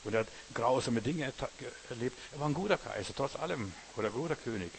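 A man's voice: mid-range voice, animated, fast talker, gravelly, a little hiss or hum. A man preaching a sermon in a folksy way, who keeps turning to the listener with "you know?" and "understand?". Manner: folksy, keeps asking "weißt du", "verstehst du".

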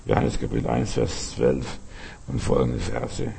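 A man preaching a sermon with fervor, breaking into loud shouted calls to his listeners. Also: mid-range voice, big pitch swings, unhurried, vocal fry, slight background noise. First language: German. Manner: fervent, bursts into shouted calls.

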